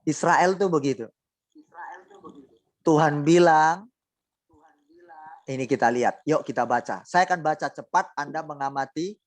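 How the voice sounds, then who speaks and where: A man's voice: on the high side, unhurried, long pauses. A male pastor preaching a sermon, asking his congregation rhetorical questions and often acting out quoted voices.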